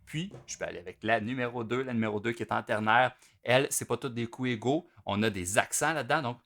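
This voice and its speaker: A man with a Québécois French accent teaching drums, explaining each step in a relaxed way as he demonstrates at the kit. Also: medium pitch, fast, loud music behind the voice. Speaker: drum teacher. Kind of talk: explanatory music lesson. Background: loud drum kit playing between phrases.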